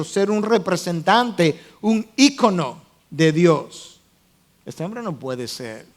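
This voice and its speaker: A man pastor preaching a sermon, explaining the text step by step, defining original-language words and putting questions to his listeners. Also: sits high.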